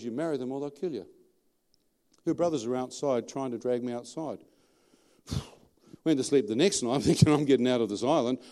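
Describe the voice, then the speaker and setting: Australian male preacher, middle-aged, colloquial storyteller, quizzes the crowd, warm mellow voice. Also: medium pitch. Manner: animated, colloquial, asks the audience questions. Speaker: preacher giving testimony. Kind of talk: storytelling sermon.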